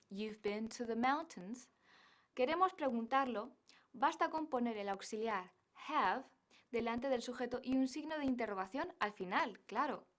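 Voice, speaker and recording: Woman teacher going thru english phrases real slow, kinda high voice, stretches words out carefully. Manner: careful, drawn-out pronunciation drills. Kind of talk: language lesson.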